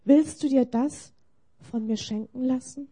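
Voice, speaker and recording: A woman voicing a gentle, kind Jesus in a story she tells during a sermon, speaking softly and tenderly. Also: sits high, unhurried, slightly rough.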